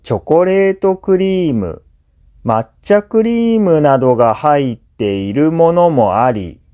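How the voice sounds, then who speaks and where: Reading listening practice as a language teacher, this Japanese-speaking man narrates slowly and mellowly in a voice on the high side. He is very animated yet measured and clearly phrased in his explanatory, scripted educational narration, and the recording is muffled.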